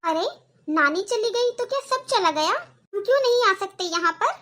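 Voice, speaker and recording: A woman voicing a bright, high little girl. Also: expressive, moderate pace, heavily acted. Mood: consoling. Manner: earnest, pleading. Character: young outspoken girl, caring to her mother. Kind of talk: cartoon voice acting.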